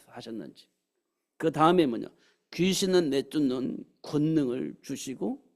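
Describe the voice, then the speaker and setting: A pastor in a church sanctuary preaches a sermon, his fairly high, creaky voice carrying a darkish tone. He often puts rhetorical questions to the congregation and acts out quotes of God's words.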